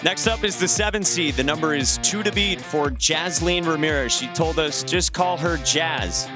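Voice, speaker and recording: A man calling a youth baseball home run derby as play-by-play announcer, upbeat and brisk. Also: a little high. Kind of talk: sports broadcast commentary. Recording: music bed behind the voice.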